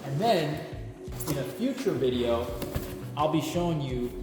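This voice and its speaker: A man's voice: on the high side, measured pace. A man casually walking viewers through an unboxing, recorded on a camera mic in a big echoey garage. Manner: relaxed, chatty, explanatory. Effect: big echoey room sound from a garage. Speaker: product reviewer. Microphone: camera mic, lapel mic dead. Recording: echoey garage with music behind.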